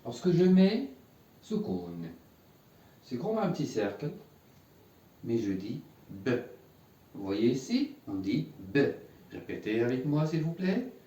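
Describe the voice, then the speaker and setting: A man's voice: medium pitch, very animated, a little slow, pauses often, dark tone. A man teaching a lesson, patient and repeating words for learners to echo back. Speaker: Arabic teacher. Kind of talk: classroom lesson at a whiteboard. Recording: echoey room, voice from a distance.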